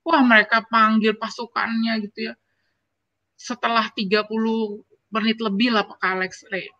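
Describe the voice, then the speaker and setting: A university lecturer in her forties shares personal stories in a conversational interview, speaking with emotion and repeatedly turning to address the host in animated storytelling. Her voice is on the high side at normal speed, and the audio is dull with no echo.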